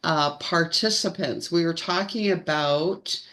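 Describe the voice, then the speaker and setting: A woman's voice: deep voice, fairly bright tone. A woman co-hosting a casual live-stream chat, stretching her words like a show announcer. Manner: slow, drawn-out announcer-style delivery. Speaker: co-host.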